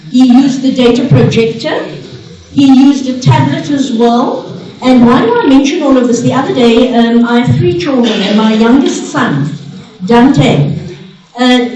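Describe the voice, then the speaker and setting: A woman's voice: high-pitched, lo-fi sound. A woman in her fifties hosting a conference, telling chatty, joking family stories to the audience. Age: 50s. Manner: chatty, jokey storytelling with acted quotes. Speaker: event host. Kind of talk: live conference emcee speech with anecdotes. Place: large conference hall. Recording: echoey hall, distant mic, audience behind.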